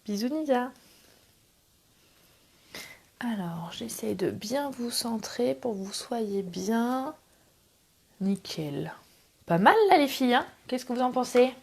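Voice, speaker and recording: A woman's voice: fairly high pitch, expressive, slow, gravelly, pauses often, a little mellow, husky. Chatty French woman hosting a craft livestream. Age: middle-aged. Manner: chatty, greets viewers, self-deprecating asides. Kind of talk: casual live craft tutorial. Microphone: camera on tripod.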